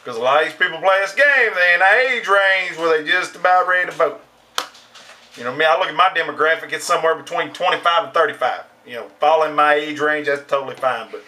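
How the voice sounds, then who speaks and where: A man's voice: on the high side, bright, forceful tone, slight background noise. A man in his thirties ranting at home in a casual, profane gaming vlog. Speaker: gaming vlogger.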